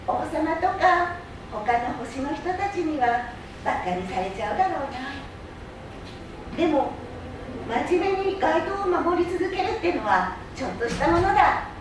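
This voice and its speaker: Woman acting earnest little boy prince, very high voice, curious, stage reading, distant in an echoing hall. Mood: wistful. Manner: deliberate, expressive storytelling with wondering questions. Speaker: stage reader. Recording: distant mic in echoey hall, faint noise.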